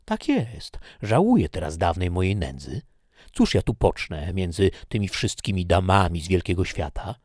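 A man's voice: sits low, a little mellow, breathy edge, no room sound, clean studio sound, full character voice. Man doing a fiery capricious young woman. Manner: vehement, theatrical.

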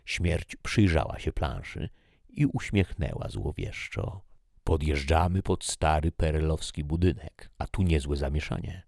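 Man, very deep voice, gravelly, dry close sound, measured scripted storytelling. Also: lively intonation, a little mellow, dry recording. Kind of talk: scripted first-person narration.

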